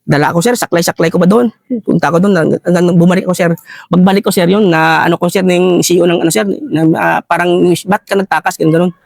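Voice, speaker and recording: Filipino ex-soldier interviewee, high-pitched, halting and deferential, in a dry, close-miked room. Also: male voice, fairly even intonation, gravelly, dry recording. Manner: halting, addresses listener as sir constantly. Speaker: retired army ranger scout. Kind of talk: recounting a war story in an interview.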